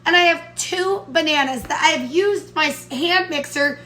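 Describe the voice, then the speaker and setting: A woman with a high voice and a blocked, nasal tone from allergies talks through each step of a recipe. She sounds chatty and upbeat, like a casual home cooking vlog. A faint hum of room noise sits underneath. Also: measured pace, sharp tone. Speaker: home baking vlogger. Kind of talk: casual cooking tutorial chat.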